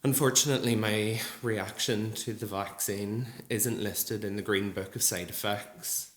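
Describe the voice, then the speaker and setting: Man, early thirties, low voice, earnest testimony speech, echoey hall. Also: steady tone, fairly bright tone. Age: 30s. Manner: earnest, measured, with frequent ums. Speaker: nurse speaking at a support group event. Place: large gallery hall. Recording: echoey hall with faint ambience.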